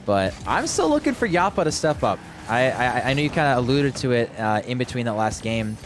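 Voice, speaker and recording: Fast-talking young male esports caster. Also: medium pitch, a little hiss or hum. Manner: fast excited play-by-play, addresses chat. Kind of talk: play-by-play esports commentary.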